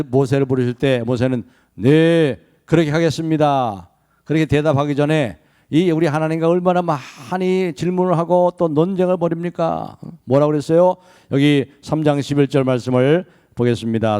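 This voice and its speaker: A male pastor delivers a sermon at a church prayer meeting. He retells scripture dramatically and keeps asking rhetorical questions. His voice is warm and mellow, with a smooth, resonant ring. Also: fairly high pitch, fairly quick.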